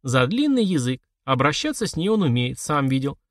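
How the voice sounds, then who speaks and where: A man's voice: medium pitch, sing-song, a little fast, no echo, studio quality, close to an everyday voice. A man playing an ironic retired officer prince.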